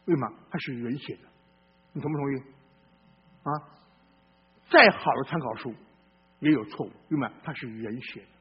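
A male pastor preaching a sermon in a blunt, folksy way, swinging between loud outbursts and low murmurs and asking listeners questions. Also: moderate pace, long pauses, breathy edge, dull audio.

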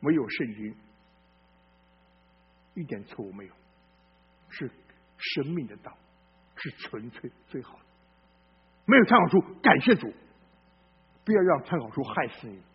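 A male pastor preaching a sermon in a blunt, folksy way, swinging between loud outbursts and low murmurs and asking listeners questions. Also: sing-song, measured pace, long pauses, breathy edge, dull audio.

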